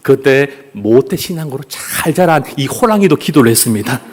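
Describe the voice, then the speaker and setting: A man's voice: medium pitch, expressive, normal speed, a little hiss or hum. A male pastor preaching at a family worship service, playful and joking with the congregation as he leads them in clapping and greetings.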